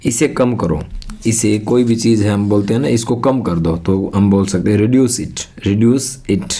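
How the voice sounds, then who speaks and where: A man from India giving a spoken English lesson, patiently explaining and repeating each English phrase slowly as a drill. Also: fairly low pitch, warm tone. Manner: explains patiently with rhetorical questions. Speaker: English teacher.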